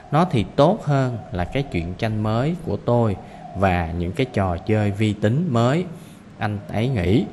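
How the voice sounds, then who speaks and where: A man's voice: on the low side, a little mellow, in a large hall, a little hiss or hum. Vietnamese man teaching an English reading lesson. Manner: explains slowly, drills pronunciation, repeats words.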